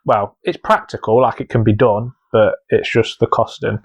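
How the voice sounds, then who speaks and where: A man's voice: lowish voice, steady tone, normal speed, slightly rough. A man co-hosting a podcast in casual chat, rambling with lots of fillers and restarts. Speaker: podcast co-host.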